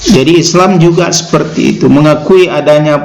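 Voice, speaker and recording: A man giving an Islamic teaching talk in an unhurried way. He tags his points with a short "ya" and recites Arabic verses slowly. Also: on the high side, vocal fry, low-quality recording. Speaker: religious lecturer.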